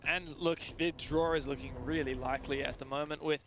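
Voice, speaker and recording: A man commentating live on an esports match in an excitable, enthusiastic manner. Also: on the high side, a little fast. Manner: excitable, with exclamations at big plays; self-confessed nerdy enthusiasm. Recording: clearly noisy background.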